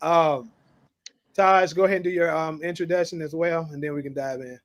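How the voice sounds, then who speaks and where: A man's voice: fairly high pitch, fairly even intonation, fairly quick, no room sound. Slangy man hosting a dry call. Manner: loose, joking, slangy. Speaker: show host. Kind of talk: casual panel hosting. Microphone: video call.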